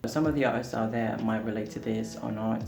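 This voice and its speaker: A Portuguese-speaking singer-songwriter talks to camera in a casual vlog, candid and a little self-deprecating. His voice is fairly low and gravelly, a bit fast, with fairly even intonation. The room echoes, and music plays behind him.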